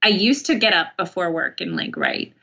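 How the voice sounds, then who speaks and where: In lo-fi sound, a woman with a somewhat low voice talks at a normal pace, guesting in a relaxed chat. Her storytelling is animated and rambling, with plenty of digressions and "like"s.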